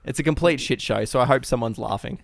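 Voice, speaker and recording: A man co-hosts a casual comedy film podcast, reading out ratings with a playful, teasing manner and laughing along. His voice is medium-pitched, gravelly and quick. It's recorded remotely on a podcast mic with no echo.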